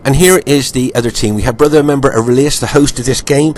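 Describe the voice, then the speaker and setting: Over footage of a strategy game replay, a game commentator speaks from home in a mid-range voice that's slightly croaky from a recent illness. There's a bit of background noise. His pace is relaxed, with lots of ums and uhs and repeated points before he moves on.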